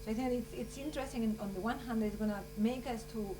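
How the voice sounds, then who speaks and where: A woman from Chile speaks earnestly at a conference, winding through her thoughts. Her voice sits fairly high. She is picked up from some distance in the room, with a steady hum underneath. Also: fast talker. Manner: earnest, rambling, full of "you know" and "like". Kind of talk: informal closing remarks at a conference.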